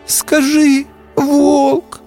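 A timid little storybook fawn pleads in a thin, high, shaky voice. The voice sits far above a grown man's speech and begs with every phrase. Faint music sits underneath. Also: slow pace. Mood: pleading. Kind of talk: storybook reading.

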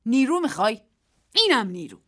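A woman's voice: fairly high pitch, lively intonation, pitched above the performer's own voice. A woman reading the part of a desperate man in a radio story, pleading and defiant in turn. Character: desperate man clinging to reason and love.

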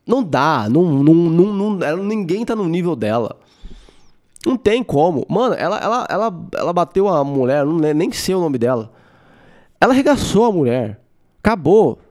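A man with a Brazilian Portuguese accent hosting a podcast, talking in an animated, casual monologue, swearing and laughing often. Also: fairly high pitch, moderate pace. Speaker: podcast host.

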